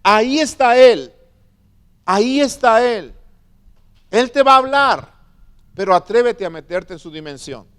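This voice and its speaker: Man, pastor, sermon, slow emphatic stresses, high smooth voice. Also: animated, fairly bright tone. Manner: preaching with slow emphatic stresses and questions to the flock.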